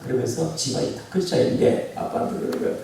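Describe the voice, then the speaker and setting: A man's voice: medium pitch, racing, mellow, a little hiss or hum. A male pastor preaching a sermon, telling a story and putting questions to the congregation, heard from a distance in a church. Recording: echoey church hall, distant mic.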